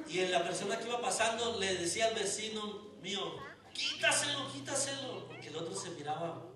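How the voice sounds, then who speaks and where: A man, a pastor preaching a sermon and telling stories, moving from soft asides to shouting. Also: high voice, quick pace, a crowd in the background. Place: church sanctuary. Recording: echoey church hall, distant mic, music.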